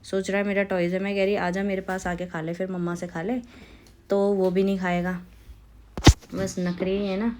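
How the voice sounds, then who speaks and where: A woman's voice: medium pitch, little pitch movement, normal speed, very noisy. A young woman from India with a Pahari Hindi accent, vlogging casually at home with a phone camera, chatting and cooing at her toddler.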